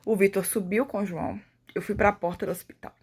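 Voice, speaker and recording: Brazilian lady sharing her faith testimony, kinda husky voice, really emotional storytelling. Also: mid-range voice, fairly even intonation, brisk, darkish tone. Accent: Brazilian Portuguese. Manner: emotional storytelling, acting out the dialogue she retells. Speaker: testimony speaker.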